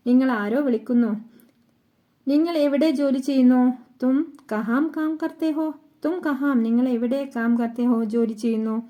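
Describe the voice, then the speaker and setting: A woman teaching spoken phrases, repeating each one slowly in two languages. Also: sits high, warm tone. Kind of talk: slow spoken-language lesson.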